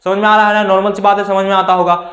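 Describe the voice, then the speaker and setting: A man teaches in an echoey room, his voice pitched high for a man. He explains things by firing rhetorical questions and answering them himself, repeating key words in an easy, conversational way. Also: flat delivery, racing, a bit bright. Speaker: exam coaching teacher. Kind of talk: classroom lecture.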